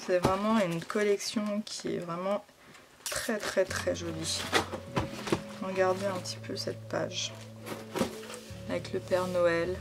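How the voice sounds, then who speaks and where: A woman's voice: on the low side, level tone, slow, gravelly, long pauses. Gushing French-speaking woman over music. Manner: gushing, enthusiastic, many fillers and repeats. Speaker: scrapbooking vlogger. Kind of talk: casual product unboxing chat. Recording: background music under the voice.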